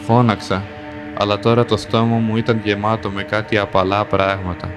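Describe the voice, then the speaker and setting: A man with a lowish voice narrates a dark first-person fantasy story, calm and measured, one short sentence at a time. Clear music plays under his reading.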